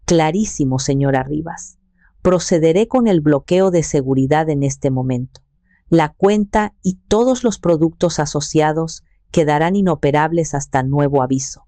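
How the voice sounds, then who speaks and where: A woman's voice: low-pitched, normal speed, dark tone, dry recording, natural voice. A woman voicing a polite, efficient male bank officer who speaks formally and deferentially.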